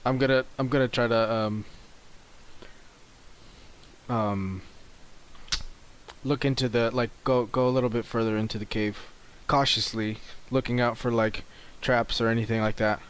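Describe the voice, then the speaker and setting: A man's voice: mid-range voice, fairly even intonation, normal speed, pauses often, slight background noise. A man playing a tabletop game, asking questions and talking in a hesitant, casual way with some cursing. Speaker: player.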